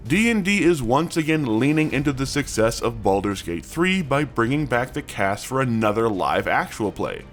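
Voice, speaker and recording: A man's voice: mid-range voice, big pitch swings, moderate pace, few pauses. A man hosting and reading scripted news narration. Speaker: news host. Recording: music bed under the voice. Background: background music.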